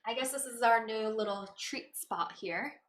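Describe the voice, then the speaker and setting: A woman's voice: a little high, moderate pace, fairly bright tone. A woman livestreaming in a casual, chatty way, cooing and doting as she talks to her cats. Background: faint background music.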